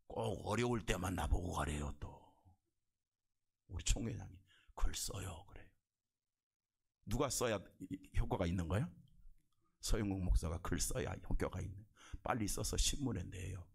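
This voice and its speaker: A man's voice: lowish voice, gravelly, slightly rough. A male pastor preaching a sermon in a church, emphatic and repetitive, often putting questions straight to his congregation. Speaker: senior pastor. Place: church sanctuary.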